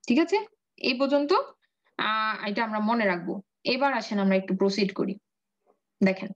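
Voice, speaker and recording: A woman's voice: high voice, dull audio. A woman teaching an online Arabic grammar class, patiently drilling word endings and asking her students questions.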